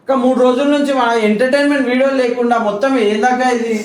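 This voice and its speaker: Brief: high-pitched Telangana man, quick and pleading, roomy echo. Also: fairly even intonation. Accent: Telangana Telugu. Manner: coaxing, placating. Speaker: family vlog regular. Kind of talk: casual family talk.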